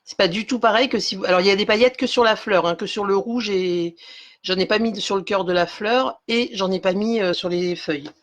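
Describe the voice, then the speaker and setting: A woman's voice: mid-range voice, brisk. A woman running a live craft demonstration at her desk, talking in a mid-range voice. She explains each step in a chatty, meandering way, full of fillers, and breaks off to greet viewers by name. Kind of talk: live-streamed craft tutorial.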